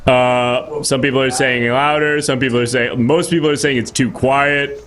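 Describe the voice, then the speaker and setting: A man's voice: medium pitch, fairly even intonation, normal speed, a bit bright, slight background noise. A man hosting a live improvised comedy stream, teasing in a mock-menacing way and reading out chat. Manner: playful mock-menacing, reads chat aloud. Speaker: host.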